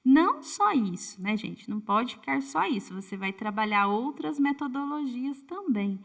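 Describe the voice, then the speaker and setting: Higher-voiced woman teaching casually. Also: expressive, moderate pace, gravelly. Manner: chatty, tag questions to viewers, frequent self-corrections. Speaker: teacher explaining literacy methods. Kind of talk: casual online lesson.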